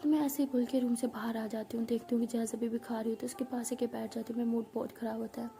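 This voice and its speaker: Dark-voiced woman telling a love story. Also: a little high, flat delivery, fast talker, vocal fry. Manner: chatty, mixes English words into Hindi, drops into hushed asides; scolds viewers playfully for not liking her videos. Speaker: storytelling vlogger. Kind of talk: casual first-person storytime narration.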